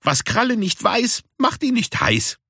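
A man voicing a small, proud grey female cat who is quick to scoff, in a storybook reading. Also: extremely high pitch, big pitch swings, gravelly, sharp tone, slightly rough, no echo, clean studio sound, voice pushed up, full character voice. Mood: mocking.

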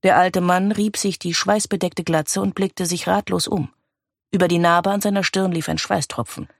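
A narrator reading a crime novel aloud in an even, measured way. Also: medium pitch, gravelly, dry recording, clean studio sound. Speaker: audiobook narrator.

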